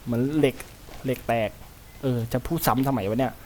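Playing through a horror game, a man narrates to himself and lets out yelps when startled, sounding jumpy throughout his gameplay commentary. He speaks a little fast in a steady, slightly mellow, medium-pitched voice, with slight background noise present.

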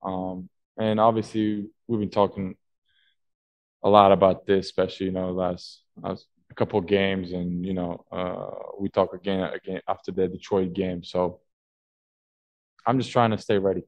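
At a postgame press conference in an indoor team media room, a young basketball player answers questions in a low voice with vocal fry, halting through fillers and restarts. A table mic on a stand captures him dry and close, with no room sound and dull audio.

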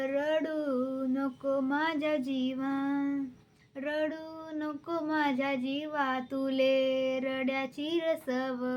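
Teen girl, high voice, very slow sing-song poetry recital. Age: teens. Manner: drawn-out, chanting delivery of verses. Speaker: student reciting poems.

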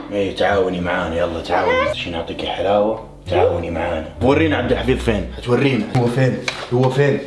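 A man hosting a casual challenge vlog in a playful, animated way. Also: mid-range voice. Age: 20s. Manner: playful, animated, addressing the camera and children. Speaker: YouTube host. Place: large house indoors and its doorway outside. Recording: echoey rooms, music behind.

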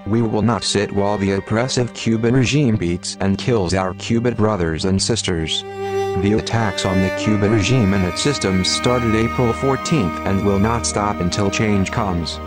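A man in a disguised deep voice reading a solemn, declamatory activist statement. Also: normal speed. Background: loud music.

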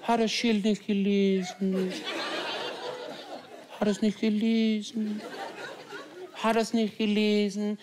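A man's voice: high voice, completely flat delivery, a crowd in the background, noisy background. A man doing a smug German busybody. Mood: condescending. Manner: slow, condescending, lecturing. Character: officious German man mocking Austrians.

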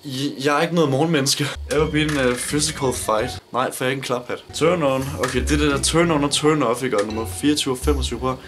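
A nineteen-year-old man from Denmark works through viewer questions in a casual vlog. He talks in a blunt, joking way and swears constantly. His voice sits at a middling pitch, with faint music in the background. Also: few pauses. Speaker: YouTuber.

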